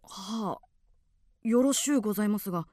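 An actress playing a polite, deferential clothing shop clerk in a radio drama, hesitant and slightly puzzled. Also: female voice, mid-range voice, normal speed, dark tone, dry recording, studio quality, close to an everyday voice.

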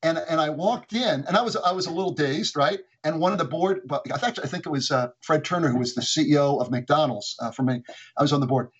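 A male guest telling stories about his career, animated and quick, often restarting his sentences. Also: fairly high pitch, slightly rough, dull audio. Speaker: guest, former executive. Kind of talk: anecdotal storytelling.

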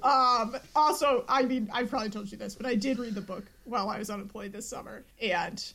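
A young woman co-hosting a podcast in casual chat, wry and teasing, quick to correct her co-host. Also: fairly high pitch, fairly bright tone.

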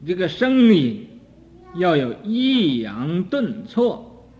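An older man, a Buddhist teacher, lecturing slowly on a sutra commentary, with frequent "ah" fillers and sudden swings between soft and loud. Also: high voice, huge pitch swings. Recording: dull archival recording in a reverberant hall.

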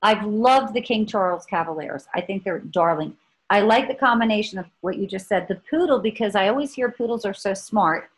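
A woman's voice: medium pitch, brisk, low-quality recording. A woman in her fifties co-hosting a casual chat, telling stories in a rambling way with many restarts. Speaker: podcast co-host.

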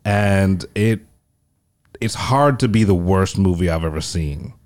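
A man's voice: deep voice, measured pace, darkish tone. A man talking movies in a loose, profane, rambling podcast chat. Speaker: podcast co-host. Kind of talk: casual film chat.

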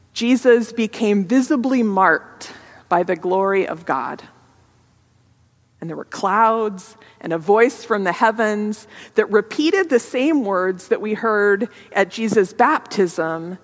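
Woman pastor preaching slow and thoughtful, lots of church reverb around her. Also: medium pitch. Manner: reflective, conversational preaching. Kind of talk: sermon.

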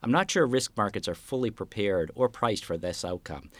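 A man giving analytical market outlook commentary in an interview, explaining his views in a measured way as a guest strategist. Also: lowish voice, lively intonation, fairly bright tone, dry recording.

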